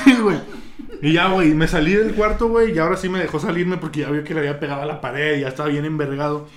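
Telling a story to his friends, a young man with a Mexican Spanish accent swears freely, acts out the scenes, and laughs through a slang-heavy, animated retelling. His voice is a little high for a man, and his delivery is loose, chatty, and a little fast.

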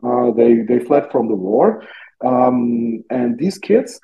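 In this phone-quality clip, a German man speaking English as a second language, with a German accent, answers interview questions informally as a youth hockey coach. His mid-range voice is creaky and slow yet very animated, and he searches for words as he talks.

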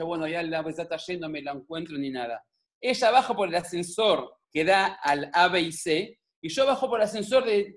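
His voice sits high as this middle-aged man, accent Argentine Rioplatense Spanish, gives a religious talk at home on camera. He tells stories with humor, animated and jokey, and makes many asides to the audience.

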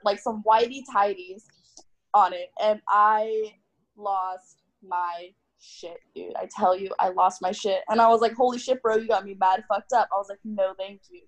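A woman's voice: medium pitch, low-quality recording. Blunt, swearing young woman. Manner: blunt storytelling, heavy swearing. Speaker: podcast co-host. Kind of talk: casual chat.

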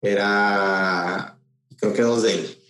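A man's voice: lowish voice, steady tone, very slow, fairly bright tone. A man with a Mexican accent, an event promoter telling a story in a casual interview, rambling with many fillers and restarts. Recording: roomy echo.

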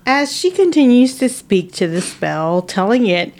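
A woman co-hosting a book podcast, reading a chapter summary slowly and breaking off into playful asides. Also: fairly high pitch, big pitch swings, darkish tone. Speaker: podcast co-host.

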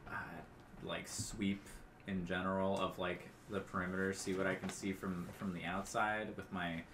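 A young adult man playing a tabletop game, speaking in a halting, hesitant way. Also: sits low, level tone. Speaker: player. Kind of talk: casual chat at a game table. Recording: clear background noise.

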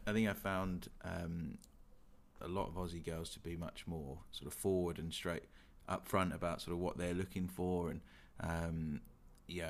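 A young man from England with a London accent co-hosts a podcast in a deep, low voice. He chats casually and thinks aloud, hedging almost every point with "sort of" and "you know."

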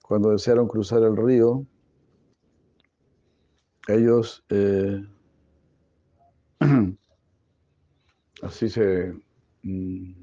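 A man's voice: on the low side, steady tone, very slow, long pauses, dark tone, no room sound, muffled recording. A man retelling a devotional story in class, digressive and joking, often correcting himself.

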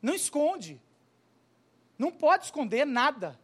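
A man preaching a sermon, telling the story in a lively, humorous way and acting out the characters' voices. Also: very high-pitched, a little slow. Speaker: pastor.

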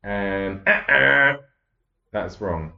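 A man's voice: lowish voice, animated, very slow, creaky. Man, podcast host, casual chat, stammering restarts, roomy echo, muffled lo-fi sound. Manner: chatty storyteller, stammering restarts, frequent laughter. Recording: echoey, dull lo-fi room.

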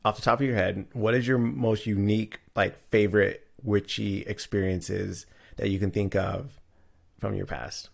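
Male podcast host, gravelly fry in the voice, rambling casual questions. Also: fairly low pitch, steady tone, normal speed.

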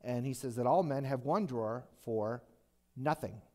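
A man's voice: mid-range voice, normal speed, darkish tone. Male pastor, middle-aged, mid-range voice. Chatty, folksy sermon delivery with plenty of restarts. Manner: conversational and folksy, with frequent restarts.

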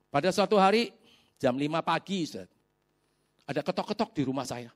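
A man preaching as a pastor, telling a story in a colloquial, animated way and pausing for the congregation's amens. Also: a little high. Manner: animated storytelling with sound effects. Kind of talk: sermon.

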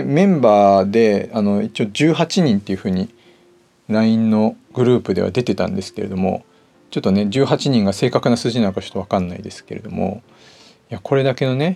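With a low, gravelly voice and dark tone, a middle-aged man talks to his listeners alone in a casual, chatty way on his personal audio show, with music playing behind him.

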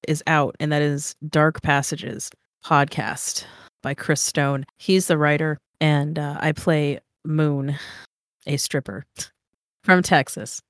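A woman's voice: sits low, little pitch movement, slow, dry recording, clean studio sound. A congested woman hosting a podcast, chatting casually, swearing and laughing often. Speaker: podcast host. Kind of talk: casual chat.

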